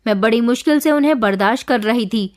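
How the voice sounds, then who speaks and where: A woman reads a first-person story aloud as a scripted narration. Her voice sits a little high, and her delivery stays steady and even throughout. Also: fast.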